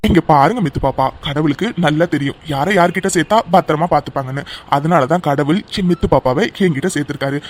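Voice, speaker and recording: A man voicing a doting young man in a cartoon love story, teasing and then gently comforting his crying sweetheart. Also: on the high side, quick pace, slight background noise, lightly acted. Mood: coaxing. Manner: coaxing, affectionate and teasing. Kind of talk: cartoon voice acting.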